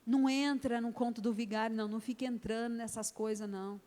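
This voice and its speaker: A woman's voice: fairly high pitch, fairly even intonation, fast, mellow. A middle-aged Brazilian woman pastor preaching an emphatic sermon in a church, acting out conversations with her daughter. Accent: Brazilian Portuguese. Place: church hall. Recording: long church reverb.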